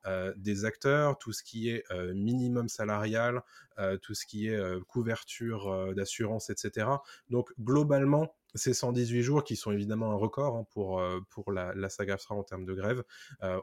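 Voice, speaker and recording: Low-voiced man hosting a podcast. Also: darkish tone, no room sound, clean studio sound. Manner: hesitant, many fillers. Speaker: podcast host. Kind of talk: casual pop-culture news chat.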